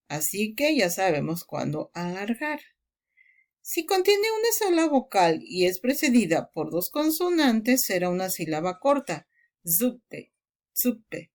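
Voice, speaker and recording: Slow, patient woman teaching a class. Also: medium pitch, a little mellow. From Mexico. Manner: slow, explaining step by step, repeating example words. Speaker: language teacher. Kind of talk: recorded class lesson.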